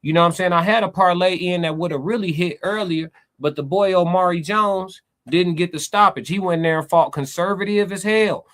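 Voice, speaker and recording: A high-voiced American man commentates on boxing for a live stream. He is emphatic and excitable, repeating phrases for punch and swearing freely. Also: a little fast, few pauses. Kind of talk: excited blow-by-blow fight commentary and casual chat.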